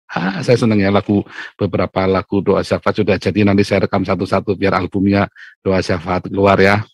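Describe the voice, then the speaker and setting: A male pastor, preaching a lively morning devotional sermon, loudly acting out quotes and laughing often. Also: low voice, a little fast, slightly rough, no room sound.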